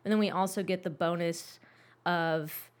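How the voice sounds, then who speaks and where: A woman's voice: lowish voice, steady tone, a little slow. A woman hosting a podcast, asking friendly, rambling questions in a casual chat. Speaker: podcast host.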